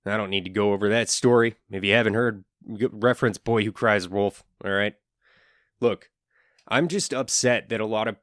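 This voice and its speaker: A man's voice: fairly low pitch, fairly bright tone, smooth, no echo, clean studio sound. A man hosting his own podcast, giving an earnest solo monologue with wry asides. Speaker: podcast host.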